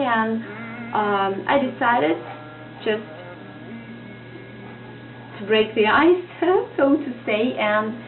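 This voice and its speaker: In a casual vlog lesson, a woman whose native language is Russian teaches with a Russian accent, sounding hesitant as she hunts for words. Her voice is on the high side. The sound is tinny and lo-fi, with music underneath.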